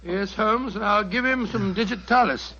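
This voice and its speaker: High, gravelly British doctor. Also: male voice, normal speed, pushed and bright. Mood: soothing. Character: genial, fussy English gentleman doctor, detective's companion. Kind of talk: old-time radio drama acting. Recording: dull, noisy vintage radio recording.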